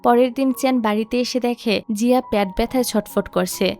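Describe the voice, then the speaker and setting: A woman's voice: a little high, a little fast. A woman narrating a drama recap as a scripted story, reading the characters' lines plainly in her own voice. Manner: steady, reads quoted dialogue plainly in her own voice.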